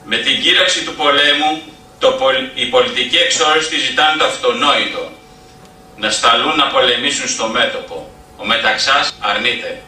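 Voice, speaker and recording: A man's voice: mid-range voice, sharp tone. Man reading history aloud in a hall. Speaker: event speaker. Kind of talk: reading a historical account at a public event. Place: event hall. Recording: echoey room, distant mic, faint noise.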